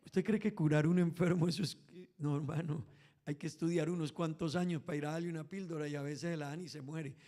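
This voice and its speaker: A man preaching a Pentecostal sermon with a Caribbean Spanish accent, who swings between hushed, low talk and loud, shouted passages while often calling his listeners "brother". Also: steady tone, brisk. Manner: keeps addressing listeners as "hermano".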